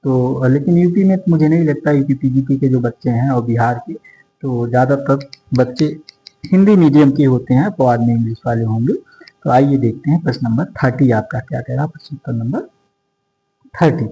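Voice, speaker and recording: Mellow-voiced man teaching sociology exam prep. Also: medium pitch, a little fast, a little hiss or hum, poor audio. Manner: repeats question numbers, drills options for students.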